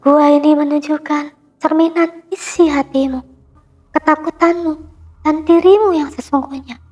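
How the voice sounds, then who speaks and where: A man voicing a mysterious, calm woman who guides travellers through a spirit world, speaking in a solemn, measured way. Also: very high-pitched, pitched above the performer's own voice.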